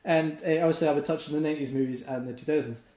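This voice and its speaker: A young man hosting a podcast, chatting casually, swearing often and ranting excitedly. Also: a little high, very fast, echoey room. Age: young adult. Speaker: podcast host. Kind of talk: casual chat.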